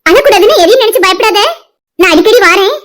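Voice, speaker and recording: A voice actor doing a protective high-voiced mother. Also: animated, fast, fairly bright tone, faint music behind. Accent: Tirunelveli Tamil. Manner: firm, protective, coaxing. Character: protective mother reassuring her daughter. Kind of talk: cartoon voice acting.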